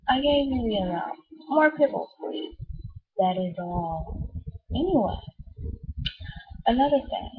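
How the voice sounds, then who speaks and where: A woman's voice: medium pitch, slightly rough. A woman in a casual spoken rant as a shop worker, exasperated and emphatic, sometimes mimicking customers. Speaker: sandwich shop worker venting about customers. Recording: tinny, phone-like narrow band.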